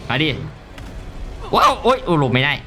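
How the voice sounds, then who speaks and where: A young man giving casual, excitable commentary while playing a mobile game, loud and swearing often. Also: normal speed, faint music behind.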